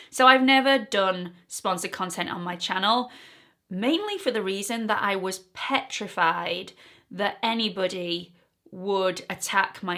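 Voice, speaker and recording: A woman's voice: on the low side, pushed and bright. A woman, a beauty YouTuber and esthetician talking earnestly to camera in a casual vlog, openly nervous and emotional.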